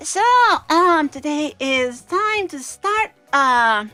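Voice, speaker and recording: A woman's voice: high voice, animated, slow, sharp tone, no room sound, faint music behind. A bubbly, hesitant woman hosting a casual programming livestream, her pronunciation slightly off from a swollen mouth. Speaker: livestream host.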